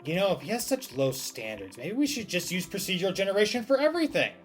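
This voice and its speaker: A male streamer commenting live on a game in a very high, lively voice. He is exclamatory and sweary, with faint music in the background. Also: fast talker.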